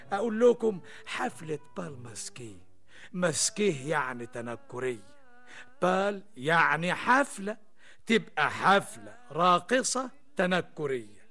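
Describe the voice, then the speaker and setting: A man's voice: on the high side, a bit bright. An actor playing a wry, teasing Egyptian storyteller in Arabic cafe style, narrating in theatrical rhymed phrases and answering his own questions. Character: playful, wry male storyteller addressing his listeners. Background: music behind the voice.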